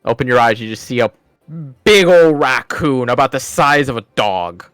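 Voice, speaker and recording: A man's voice: mid-range voice, lively intonation, normal speed, a bit bright, clear, resonant tone, no room sound, soft background music. Male game master with dry, close sound. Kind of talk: narrating a tabletop fantasy game.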